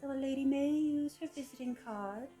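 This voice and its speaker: Female narrator, sultry and mellow, scripted book reading, soft phrase endings. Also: sits high, faint music behind. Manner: sultry, slow-savoring delivery with soft trailing phrase ends. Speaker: reader of a public-domain etiquette book.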